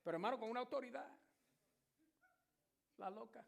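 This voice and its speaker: A man's voice: very high-pitched, normal speed, vocal fry. A man in his sixties, a pastor preaching a sermon with vivid, emphatic storytelling. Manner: storytelling, emphatic, shouts at climaxes.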